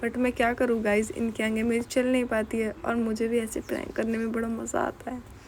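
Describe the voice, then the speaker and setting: A woman's voice: a little high, monotone, a little fast, a little hiss or hum. A young woman narrating a casual home vlog, telling a story in a chatty, giggly way. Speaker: vlogger.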